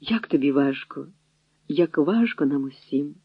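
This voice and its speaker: A reader voicing a frightened, gentle young woman captive who pleads tearfully with her brother. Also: low-pitched, expressive, measured pace, breathy edge, no room sound, voice pushed down, full character voice. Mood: tender. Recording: dry, tinny phone-like audio.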